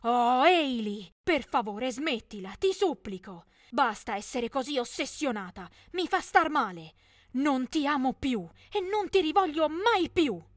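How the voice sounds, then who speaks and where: A woman voicing a young man, an exasperated ex-boyfriend who talks loudly and pleads to be left alone. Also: mid-range voice, normal speed, dry recording, studio quality, close to an everyday voice. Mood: pleading.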